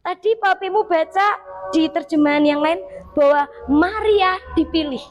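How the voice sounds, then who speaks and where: A woman's voice: extremely high pitch, a little slow, lo-fi sound, faint music behind. A middle-aged woman pastor, preaching a sermon with personal stories and acting out her own past prayers.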